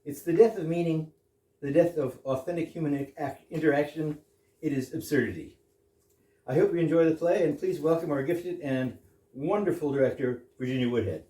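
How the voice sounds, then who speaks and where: A man with a fairly high, brisk voice and a dark tone gives a humorous prepared introduction as the guest introducer of a play, explaining things to the audience with dry wit. The recording comes from an indoor performance space with an audience, with an echoey room sound and a distant microphone.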